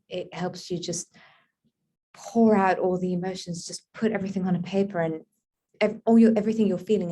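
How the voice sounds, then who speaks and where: A woman from Lebanon with a fairly low voice and a dark, mellow tone answers book club questions over a video call. She muses as she talks, fills her pauses with soft hums and now and then lights up with wonder. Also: a little hiss or hum. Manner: reflective and musing, with many soft fillers; bursts of wonder and excitement. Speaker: author being interviewed.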